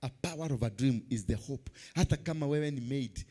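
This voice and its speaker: A man's voice: medium pitch, fairly quick, mellow. A man with a Kenyan accent delivering a church sermon like a TV preacher, emphatic and repeating key phrases as he switches between languages.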